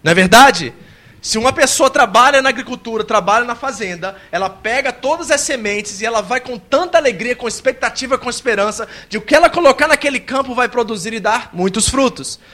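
A man preaching a sermon as a pastor, swinging between soft, close passages and loud, emphatic lines, and acting out a worshipper's complaints. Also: animated, a little fast. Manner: acts out a worshipper's complaints in a high whiny voice.

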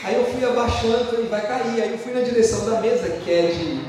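A Brazilian pastor with a high voice tells lively, joking stories from the pulpit. He sounds far from the mic in a big church hall with a long reverb trailing every phrase. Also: fast talker, a little hiss or hum. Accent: Brazilian Portuguese. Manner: animated, joking personal anecdotes. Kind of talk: storytelling sermon.

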